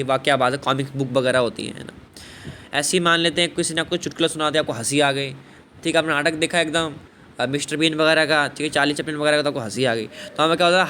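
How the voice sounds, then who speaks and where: A teacher with a slightly high, bright, forceful voice works through a poetry lesson, repeating himself and answering the questions he raises. He keeps saying "thik hai" and "bhai", and a slight hum of background noise runs under the recording.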